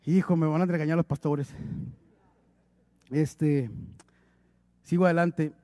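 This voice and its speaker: A man's voice: on the high side, steady tone, slow, mellow, dry recording. A male preacher delivering an emphatic, exhorting sermon, lightened with humorous acted asides.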